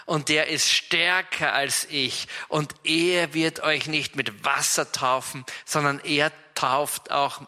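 A man with an Austrian accent voicing a stern wilderness prophet, calling people to repent in a slow, solemn manner. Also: fairly high pitch, steady tone, bright, forceful tone, in a large hall, heavily acted.

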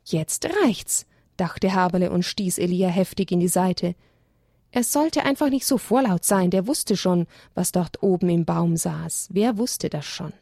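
A woman reads a children's story aloud, gently and expressively. Her voice is gravelly and a little husky. The recording is dry and close. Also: lowish voice, measured pace, no echo.

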